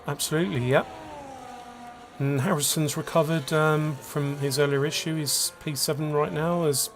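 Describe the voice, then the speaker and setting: A man's voice: on the high side, steady tone, normal speed, background noise. A man giving casual, chatty commentary on an online racing league, calling positions and penalties. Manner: chatty, laughs along, lists penalties. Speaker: race commentator.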